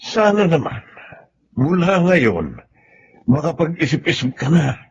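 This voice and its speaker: A man's voice: on the high side, big pitch swings, a little slow, slight background noise. An actor playing a stern middle-aged father in an old radio drama, firm and reproachful. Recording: dull lo-fi old radio recording.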